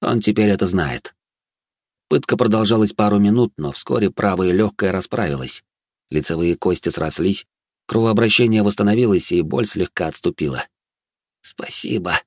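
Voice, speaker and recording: A man reading a fantasy audiobook aloud in a steady, measured way. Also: deep voice, no room sound, clean studio sound. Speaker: audiobook narrator. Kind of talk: scripted fantasy narration.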